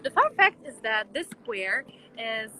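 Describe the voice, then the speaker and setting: Bright-voiced young woman outdoors. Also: on the high side, big pitch swings, slow, poor audio. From Croatia. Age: young adult. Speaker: vlog host and student guide. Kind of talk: casual city tour vlog. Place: outdoors in a city square. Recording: street noise in the background.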